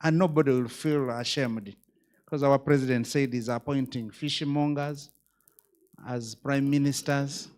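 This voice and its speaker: A man's voice: mid-range voice, steady tone, unhurried, darkish tone. A man, a judge giving a speech at a conference, emphatic and full of rhetorical questions.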